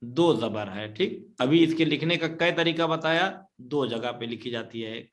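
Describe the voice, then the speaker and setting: Teaching Quran reading online, this medium-pitched man patiently restates each rule. He keeps making sure his students are following and recites the Arabic examples slowly.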